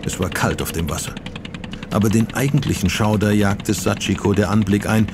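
Low-voiced man narrating a dark audiobook. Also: steady tone, moderate pace, noisy background. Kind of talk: scripted narration.

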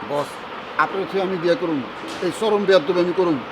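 A man's voice: sits high, fairly quick, noisy background, close to an everyday voice. An actor playing a blunt, joking sidekick who loyally defers to his boss in a comedy drama. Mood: cheeky. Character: cheeky loyal sidekick man, dim but blunt.

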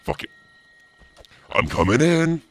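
A man plays a horror game live, narrating with mocking, profane, theatrical trash talk. He talks slowly with big swings in pitch, and his deep, gravelly voice is occasionally passed through a voice changer.

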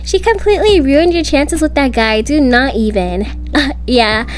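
Background music accompanies a young woman who voices all the characters in her school roleplay video. The amateur school-drama acting is packed with slangy teen-girl drama, spoken in a high, animated voice at a slightly slow pace.

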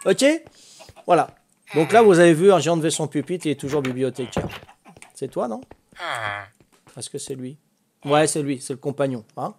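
A man's voice: on the high side, moderate pace, pauses often, darkish tone, a little hiss or hum. An older man casually explaining a video game in a tutorial, hesitant and chatty, with many fillers and restarts, talking to the characters on screen. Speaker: gaming tutorial host.

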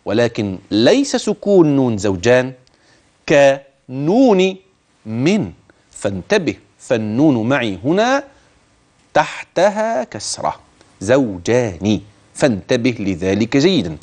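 A man teaching the rules of Quran recitation. He speaks straight to the listener, urges attention, and slowly stretches words to demonstrate how they should be pronounced. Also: mid-range voice, huge pitch swings, a little mellow. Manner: addresses the listener directly, urging attention. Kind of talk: tajweed lesson with recited examples.

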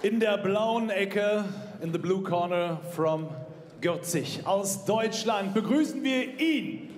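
High-pitched hyped-up male ring announcer, echoing hall. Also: lively intonation, some chatter behind, a little hiss or hum. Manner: showy fight-promoter hype, drawn-out shouted names. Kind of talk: bilingual boxing ring announcement. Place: boxing ring in a large event hall. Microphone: handheld microphone. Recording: echoey hall PA, music behind.

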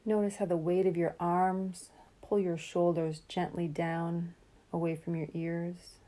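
Guiding a relaxation session, this woman meditation guide speaks on the lower side. Her pace is unhurried and her tone calm and soothing, with long gaps separating her phrases.

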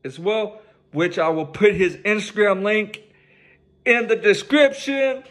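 His voice is high and slightly bright, delivered slowly. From his living room, wearing a headset mic, the young host reacts to a song in an easygoing way, cursing freely and hyping it up.

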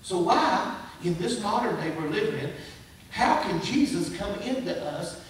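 A man's voice: high-pitched, very animated, measured pace, a little hiss or hum. A man, preaching a sermon as pastor, conversational with rising emphatic bursts. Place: church sanctuary. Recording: echoey, distant church recording.

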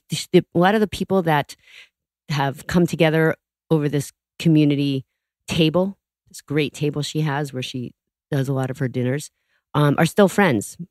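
Low-voiced chatty woman host. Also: darkish tone, no room sound, clean studio sound. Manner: chatty and enthusiastic, with frequent fillers and laughs. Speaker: podcast host. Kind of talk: casual podcast intro monologue.

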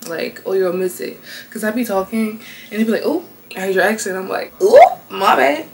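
A woman host reading online confessions aloud from her bed, casual and slangy, reacting out loud as she reads. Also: medium pitch, fairly even intonation, fairly quick, slight background noise, rough recording. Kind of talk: casual chatty commentary.

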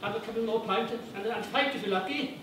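A man's voice: sits high, fast, lightly acted. A man playing a laddish, pub-loving female dating show contestant in a stage comedy sketch, matter-of-fact and blokey. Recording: distant echoey noisy stage recording.

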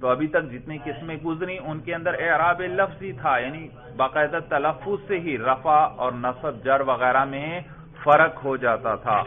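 A man from Pakistan leads a classroom grammar lesson, throwing questions at his students and echoing back what they answer. He stretches out the example words in a chanting sing-song. The sound is thin and tinny, like a phone line. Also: fairly high pitch. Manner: drawn-out chanting of word forms. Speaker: religious school teacher.

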